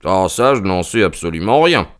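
A man playing a calm, ironic detective in a dramatized reading, unruffled and dry. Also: deep voice, normal speed, clear, resonant tone. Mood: reasoning.

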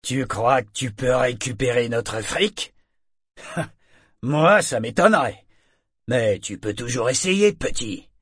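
A man's voice: mid-range voice, expressive, measured pace, a bit bright, slightly rough, dry recording, clean studio sound, full character voice. A man voicing a brutish, bullying sailor who talks coarsely and menacingly. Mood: taunting.

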